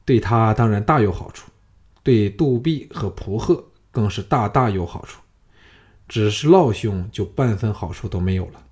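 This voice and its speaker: A man's voice: on the low side, lively intonation, normal speed, darkish tone, close to an everyday voice. A man voicing a composed, persuasive young general in an audiobook. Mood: wry. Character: calm, confident young male general.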